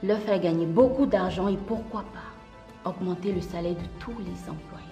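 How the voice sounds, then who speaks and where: A woman playing a new company boss who speaks in a formal, measured way, in comic soap-opera acting. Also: on the low side, over music, natural voice. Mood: composed.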